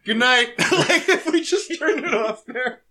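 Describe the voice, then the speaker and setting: A man's voice: extremely high pitch, lively intonation, unhurried, a loud crowd. A man co-hosting a podcast in casual chat, joking around and laughing often. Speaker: podcast co-host.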